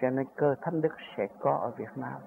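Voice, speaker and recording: Recounting his own spiritual journey, an older man speaks at medium pitch and a moderate pace, his voice creaky. The talk is earnest and rambling, rising to emphatic peaks, and the audio is tinny and phone-like with a little background noise.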